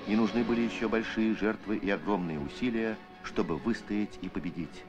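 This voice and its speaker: A man narrating an old Soviet newsreel in a solemn, measured, declamatory scripted style. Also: on the low side. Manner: measured, declamatory documentary delivery. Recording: archival film soundtrack with music. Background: music.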